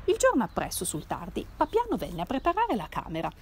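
A woman reads a classic novel aloud with measured, expressive phrasing. Her pitch moves widely through the sentences, and there is a faint noise underneath. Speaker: reader. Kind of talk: literary reading aloud.

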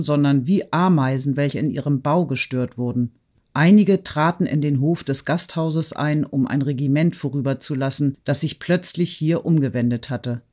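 A man reading a classic novel aloud in steady, measured audiobook narration. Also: on the high side.

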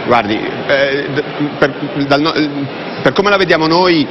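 A man's voice: a little high, lively intonation, unhurried. A man, a fund manager answering interview questions with frequent hesitations. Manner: hesitant, many fillers and restarts. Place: convention hall TV set, indoors. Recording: muffled broadcast audio with background noise.

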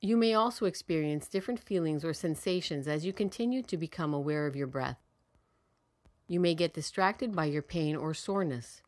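Her voice is low as she guides listeners through meditation, measured and soothing in tone. Long pauses separate each phrase she speaks.

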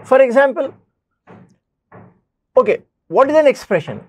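A man's voice: very high-pitched, sing-song, unhurried, slightly rough, no echo. A man teaching a basic math lesson. He addresses students directly and repeats key points.

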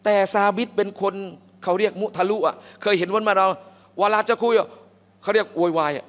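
High-voiced male teacher in a mosque. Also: brisk. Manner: animated, acts out characters, quizzes listeners. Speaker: Islamic religious teacher. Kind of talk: Quran commentary lesson. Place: mosque hall. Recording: long hall reverb.

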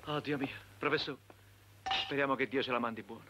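An actor playing an anxious husband who fusses and coaxes others along, in a film comedy. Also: male voice, mid-range voice, steady tone, background noise, lightly acted. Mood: fussing. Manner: fussy, hurried, coaxing. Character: fussy anxious husband, eager to please.

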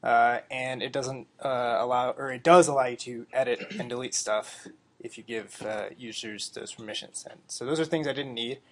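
A man presents his own project at a meetup, talking loosely and filling pauses with plenty of uhs. His voice has a gravelly, fry-tinged edge. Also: mid-range voice, slight background noise. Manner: relaxed, lots of uh fillers. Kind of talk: casual tech demo talk. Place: meeting room.

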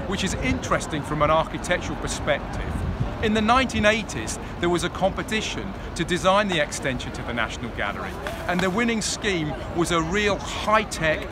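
A man in his thirties leading an architecture walking tour, explaining buildings in an informative storytelling way while standing outdoors in a busy city square, filmed on a camera held close. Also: on the high side. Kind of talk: outdoor guided tour narration. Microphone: handheld camera at close range. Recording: outdoor street with traffic noise.

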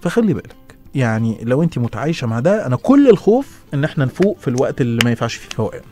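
Fast-talking Egyptian radio host. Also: male voice, medium pitch. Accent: Egyptian Arabic. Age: middle-aged. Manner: fast, lively, stumbling restarts and laughs. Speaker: radio host answering listener messages. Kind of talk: casual advice talk on radio. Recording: radio studio with faint music behind.

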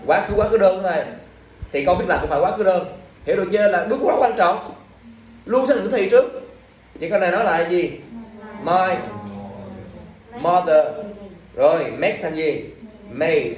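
High-voiced male teacher. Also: darkish tone, a little hiss or hum. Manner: scolding, drilling questions at students. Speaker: English teacher. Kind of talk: classroom exam review lesson. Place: classroom. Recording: echoey room from far off.

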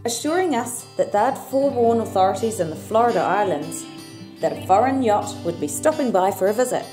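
A woman narrates a sailing travel vlog in an even, informative scripted voice-over. Music runs clearly behind her. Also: mid-range voice, a little fast.

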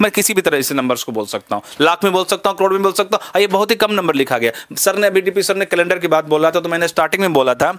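A young man from Bihar leads a live memory class. He talks very fast and rattles off long strings of numbers, slipping English phrases into his Hindi. His voice sits fairly high and sounds dry and close. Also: a bit bright, no room sound. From Bihar, India. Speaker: memory trainer.

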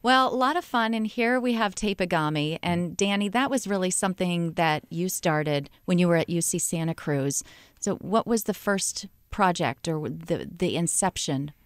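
Low-voiced American woman, public radio host. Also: normal speed, no room sound. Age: middle-aged. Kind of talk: conversational public radio interview. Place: small radio studio. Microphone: studio broadcast microphone, close.

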